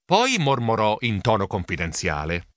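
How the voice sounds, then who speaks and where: A man reading a children's story aloud in a lively, playful first-person narration on a close studio mic. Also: on the low side, normal speed, no echo. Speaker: audiobook narrator.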